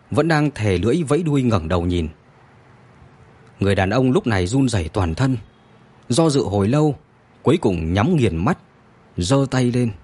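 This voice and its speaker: Male storyteller, husky tone, lively expressive pitch for dramatic narration.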